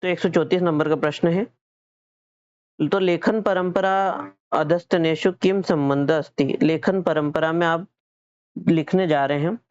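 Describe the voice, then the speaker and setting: A man's voice: a little high, steady tone, a little slow, darkish tone, smooth, lo-fi sound. A male teacher with a Hindi accent, explaining exam questions step by step, asking questions and answering them himself, often repeating and correcting his own words. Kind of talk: exam-prep lesson.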